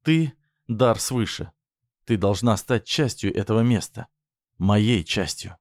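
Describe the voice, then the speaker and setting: A man voicing a menacing, possessive man who speaks slowly in a low, threatening tone. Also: animated, a little mellow, no room sound, studio quality. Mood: coaxing. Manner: slow, low, threatening delivery.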